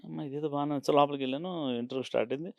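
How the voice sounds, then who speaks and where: Man, older, quick animated storyteller, dry close sound. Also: a little high, gravelly, no echo, dull audio. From Andhra Pradesh, India. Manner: animated anecdotes, acts out other people's lines. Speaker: art director, interview guest. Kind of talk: storytelling in a casual interview.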